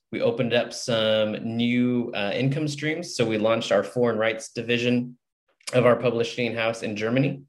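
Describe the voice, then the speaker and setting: A man talking casually as an author guest on a podcast, in an earnest, motivational way. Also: medium pitch. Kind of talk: casual interview chat.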